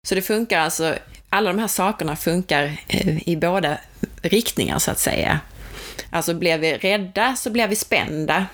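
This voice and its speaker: Calm female instructor, slightly low voice, steady coaching delivery. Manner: calm, explanatory, gently coaching. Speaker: childbirth educator. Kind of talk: instructional talk.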